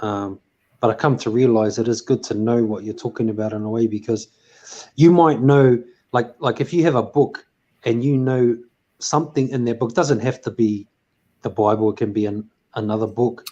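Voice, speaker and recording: A man's voice: medium pitch, steady tone, moderate pace, warm tone, dull audio. A man hosting a casual chat, rambling with lots of fillers and restarts. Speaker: host.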